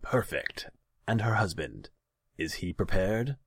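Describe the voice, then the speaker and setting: A man's voice: fairly low pitch, big pitch swings, slow, breathy edge, dry recording, voice pushed up, exaggerated voice. A man voicing a cruel, theatrical male khan who sneers and commands. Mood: pleased.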